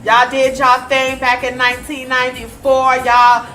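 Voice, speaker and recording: A woman's voice: high voice, completely flat delivery, normal speed, bright, forceful tone, soft background music. A woman radio host who interviews her guest in an enthusiastic, slangy, effusive way.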